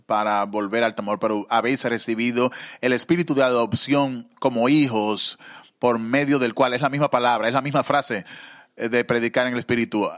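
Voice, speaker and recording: Male preacher, mid-pitched voice, fervent sermon delivery with halting fillers. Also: steady tone. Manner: fervent, rising to emotional pleas.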